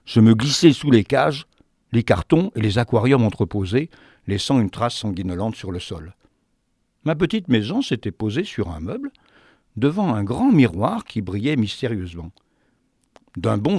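Man reading a weird fairy tale out loud, super animated, close dry sound. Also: lowish voice, normal speed, breathy edge, no room sound. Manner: animated, theatrical. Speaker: storyteller. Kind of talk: expressive narration of a fantastic tale.

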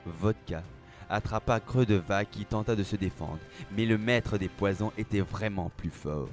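A man narrating a dark fantasy story aloud, with a measured, dramatic reading. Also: lowish voice. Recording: faint background music.

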